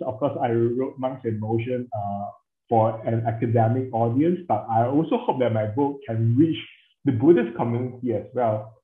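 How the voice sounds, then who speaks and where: A man answers interview questions as a scholar, thinking aloud in measured, hesitant phrases full of fillers. His voice sits at an ordinary pitch. It comes through a tinny, phone-like call line with a roomy echo around it. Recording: tinny, echoey call audio.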